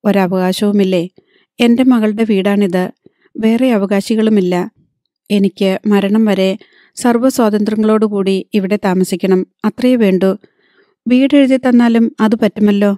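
A woman voicing a proud, hot-tempered aging wealthy father in an audiobook, commanding yet soft with his daughter. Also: sits high, steady tone, measured pace, no room sound, studio quality. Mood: angry.

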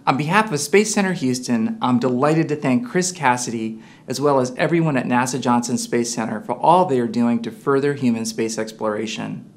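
A man's voice: mid-range voice, normal speed. Middle-aged man, formal scripted address. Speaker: space education center representative. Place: indoor studio with plain backdrop.

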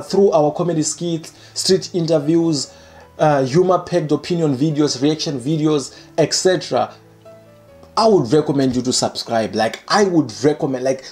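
A young man in his twenties hosting his own channel, reading comments aloud and joking about them in a playful, animated way, recorded indoors by a window. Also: a little high. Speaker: channel host. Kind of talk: casual comedic commentary. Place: indoor room by a curtained window.

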